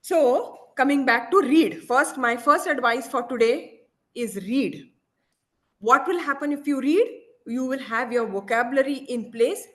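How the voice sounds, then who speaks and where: A woman giving a motivational talk from home. She switches between English and Hindi, tells stories in an animated way and keeps checking in with her listeners by asking "okay?". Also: high-pitched, a little slow. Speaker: guest speaker.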